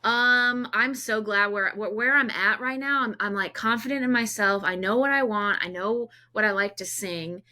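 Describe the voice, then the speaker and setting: A woman's voice: medium pitch, moderate pace, hardly any pauses, pushed and bright. A woman in her thirties, a singer-songwriter guest, chatting casually in a podcast conversation and often restarting and repeating words. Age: 30s.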